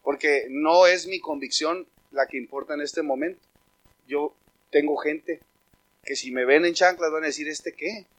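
High-voiced preacher man. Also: normal speed. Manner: conversational preaching, calling out to God loudly when quoting. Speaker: pastor. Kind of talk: sermon.

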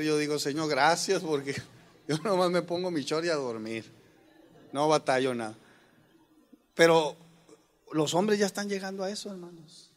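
A middle-aged man, a pastor giving a humorous sermon; he jokes with the congregation, calls them brothers, and suddenly shouts quoted commands. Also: sits high.

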